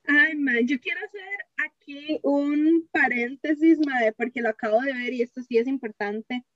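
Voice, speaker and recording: A woman's voice: high voice, moderate pace, dry recording. Costa Rican woman talking Spanglish, slightly muffled. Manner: Spanglish, dropping English phrases into Spanish. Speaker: podcast co-host. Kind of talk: casual chat.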